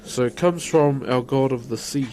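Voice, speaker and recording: A man's voice: medium pitch, moderate pace, mellow, slight background noise, poor audio. A man with a broad New Zealand accent, chatting casually as a live streamer and answering viewers in a colloquial, matey way. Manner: laid-back and colloquial, peppering talk with "bro" and "eh".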